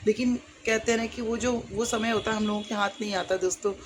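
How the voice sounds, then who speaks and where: A woman's voice: on the high side, fairly even intonation, fast, a little hiss or hum. A middle-aged woman vlogger speaking earnestly and casually to her viewers, rambling with many fillers. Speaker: YouTuber.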